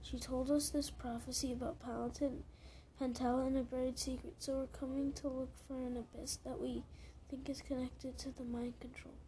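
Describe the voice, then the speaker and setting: A woman's voice: sits high, little pitch movement, normal speed, few pauses, mellow, slight background noise, lightly acted. Woman reading as Luna, a fierce young dragon. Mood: eager. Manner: fierce, encouraging. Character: brave bold young female dragon.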